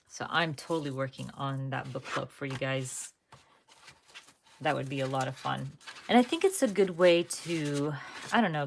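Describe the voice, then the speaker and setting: A young woman with a low, deep-set voice talks casually to viewers while she crafts on a livestream. Her talk rambles and she keeps stopping to correct herself. It sounds like a relaxed live chat. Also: gravelly, a little hiss or hum.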